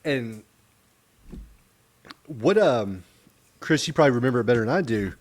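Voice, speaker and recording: A man hosting a casual movie discussion podcast, steering the talk in a dry, measured way. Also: mid-range voice, lively intonation. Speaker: podcast host.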